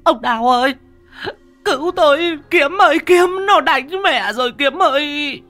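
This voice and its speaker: A man's voice: very high voice, sing-song, slow, a bit bright, faint music behind, pitched above the performer's own voice, full character voice. A man voicing a terrified old village woman who stammers and wails her pleas in a storytelling piece. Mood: screaming.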